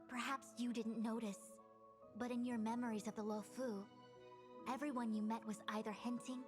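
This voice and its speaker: Woman voicing a composed, high-voiced analytical female companion. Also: lightly acted. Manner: measured, formal, articulate. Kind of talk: English video game voice acting. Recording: music behind the voice.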